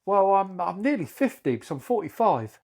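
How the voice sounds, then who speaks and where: A man's voice: sits high, sing-song, brisk, darkish tone. Mocking, sweary man in his forties. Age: 40s. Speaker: podcast co-host. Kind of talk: casual chat.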